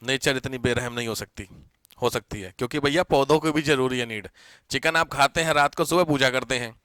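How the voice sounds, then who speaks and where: A man's voice: medium pitch, fairly quick, sharp tone, clean tone, no room sound. A man teaching an online class, chatty and teasing, mixing English terms into his explanations.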